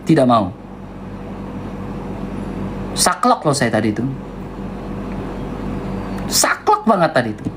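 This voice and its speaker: A man with an eastern Indonesian accent delivering a heated livestream rant in a loud, high-toned, insistent way. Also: sing-song, takes it slowly, long pauses, background noise. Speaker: debater on a livestream.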